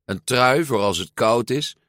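A man's voice: medium pitch, expressive, measured pace, fairly bright tone, no echo, clean studio sound, voice pushed up. Een man die een hartelijke, zorgzame Italiaanse vader voorleest in een verhalenboek. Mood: hearty. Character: hearty Italian father, fussing and generous.

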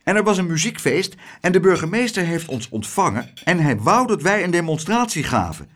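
A man voicing an eager young boy who rattles on loudly. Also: fairly high pitch, sing-song, a little fast, pitched above the performer's own voice. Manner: loud, rattling.

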